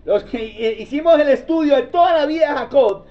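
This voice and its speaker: A man's voice: extremely high pitch, animated, fairly quick, highs cut off. A man with a Colombian accent, preaching a sermon in a conversational way and asking his listeners rhetorical questions. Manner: calls listeners brother, homely storytelling tone. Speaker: pastor.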